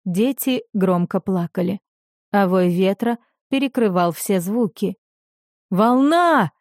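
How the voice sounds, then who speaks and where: A woman reads an audiobook aloud with a dark, mellow tone in a dry, close sound. Her pitch sits in an ordinary middle range. Her storytelling is expressive and rises for the characters' cries. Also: unhurried, no echo. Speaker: audiobook narrator. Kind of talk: scripted narration.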